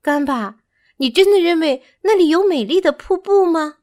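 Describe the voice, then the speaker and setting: A woman's voice: very high-pitched, lively intonation, normal speed, darkish tone, pitched above the performer's own voice. A woman reading a storybook aloud and voicing a curious, chatty young monkey who is full of eager questions. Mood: wondering.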